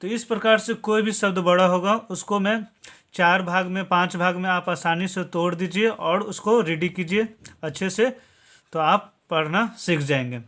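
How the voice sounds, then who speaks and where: A man teaching a spoken lesson, slowly spelling out words letter by letter, repeating each point and ending phrases with a checking "theek hai". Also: high-pitched, fairly even intonation, fairly bright tone. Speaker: English teacher. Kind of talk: classroom-style spoken lesson.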